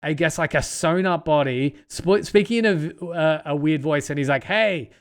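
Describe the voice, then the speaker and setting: High-voiced man retelling a film. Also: moderate pace. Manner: animated, retelling a film plot with acted-out quotes. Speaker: podcast host. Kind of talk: casual podcast chat.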